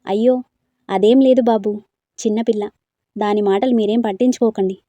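A woman's voice: medium pitch, fairly even intonation, moderate pace, warm tone, no room sound, close to an everyday voice. A woman reading a storybook, voicing a fond elderly grandmother who speaks in a coaxing, soothing way.

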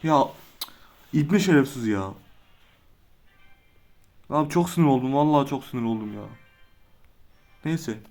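A man's voice: mid-range voice, expressive, unhurried, long pauses, a little mellow, soft background music. A young man commenting casually on his own gameplay, easily frustrated and swearing at his opponent. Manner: hot-tempered, swears and groans in frustration. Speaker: gaming video creator. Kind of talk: casual live commentary while playing a game.

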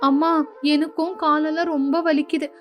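A woman voicing a spoiled, scheming young daughter in an animated story, whiny and sly. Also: high-pitched, moderate pace, close to an everyday voice.

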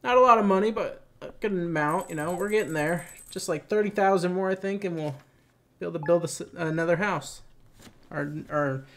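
A man's voice: high-pitched, fairly quick. A man hosting a casual let's play, musing aloud and chatting as he plays. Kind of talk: casual gameplay commentary.

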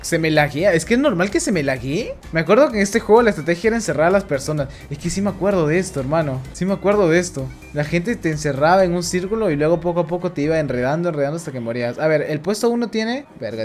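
A man, giving live commentary as a gaming streamer, swearing often and breaking into loud outbursts. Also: fairly high pitch. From Peru.

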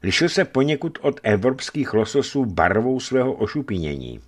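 Expressive male audiobook narrator. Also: mid-range voice, husky. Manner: expressive, measured storytelling. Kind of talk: audiobook reading of an adventure memoir.

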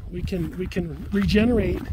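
A man's voice: high-pitched, moderate pace. A man casually giving a walking tour of rural land, rambling and repeating words as he goes, filmed on a phone outdoors. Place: outdoors in open grassland. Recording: outdoor phone audio with wind noise.

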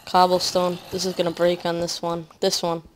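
A woman with a lowish voice talks through her gameplay in a loose, rambling way. She leans on fillers and often lets her sentences drop off quietly. Faint game noise sits under her voice. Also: completely flat delivery, normal speed. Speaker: gaming commentator. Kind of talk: casual let's-play commentary.

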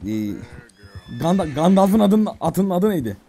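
A man streaming a game, chatting casually to himself, reading prompts aloud with a Turkish accent and softly calming his horse. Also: high-pitched, a little slow. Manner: repeats soft calming words. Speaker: gaming streamer. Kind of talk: casual let's-play commentary.

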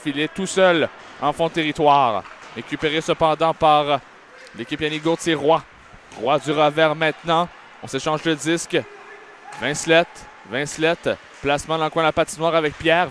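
Excited Quebec hockey commentator, high-pitched man. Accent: Quebec French. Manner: animated, exclamatory calls of the action. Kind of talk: excited live sports commentary. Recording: clearly noisy live arena commentary. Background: ice rink ambience.

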